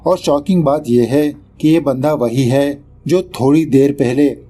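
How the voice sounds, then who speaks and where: A man's voice: medium pitch, a little slow, mellow. A man narrating a film recap in a casual, chatty voice-over, slipping English words into his telling and poking fun at the director. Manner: mocks the film's director mid-story. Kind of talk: casual movie explanation voice-over.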